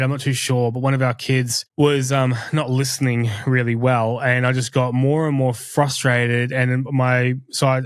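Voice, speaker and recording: Recorded in studio quality with no room sound, this man co-hosts a podcast at medium pitch. He speaks in a candid, conversational way, earnest and confessional, frequently stopping and starting over.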